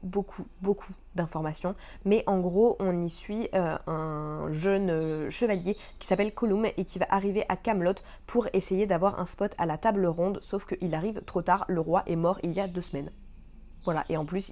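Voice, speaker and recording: Chatty young woman, mellow and low. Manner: chatty, enthusiastic, with frequent fillers and English book terms. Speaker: book vlogger. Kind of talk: casual chat.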